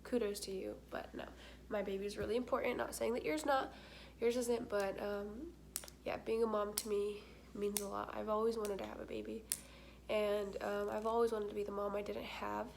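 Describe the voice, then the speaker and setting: A woman's voice: mid-range voice, little pitch movement, normal speed, vocal fry, a little mellow, a little hiss or hum. A young woman talking candidly to her camera, with a congested nose and short of breath, filling her talk with "like". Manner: chatty, candid, many fillers, stuffy-nosed. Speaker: vlogger.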